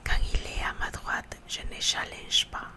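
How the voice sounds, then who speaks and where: A female ASMR reader whispers scripture in a hushed, library-style voice that is mostly unvoiced. Her reading is slow, unhurried, and slightly halting, with repeated words.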